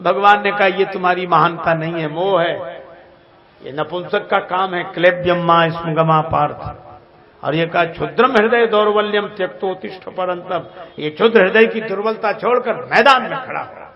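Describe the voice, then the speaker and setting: A man's voice: normal speed, fairly bright tone. A man preaching a storytelling sermon, acting out the voices of the people in his stories, recorded live before an audience that laughs. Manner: acts out quoted characters with shifting voice and pitch. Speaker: Ram Katha preacher.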